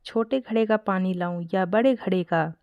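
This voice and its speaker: A woman reading aloud gives voice to a simple, eager young daughter-in-law who takes every instruction at its word. Her tone is innocent and earnest in a storybook reading, set at a middle pitch. The sound is close and dry. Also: moderate pace, darkish tone, no room sound, highs cut off, natural voice. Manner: innocent, literal-minded. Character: naive, well-meaning young daughter-in-law.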